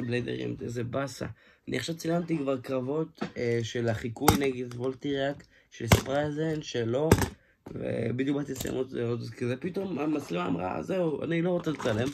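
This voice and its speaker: Excitable gravelly man in a noisy toy review. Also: medium pitch. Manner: excitable, exclaims often, restarts sentences. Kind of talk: casual hands-on toy review. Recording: noisy home recording with clicks.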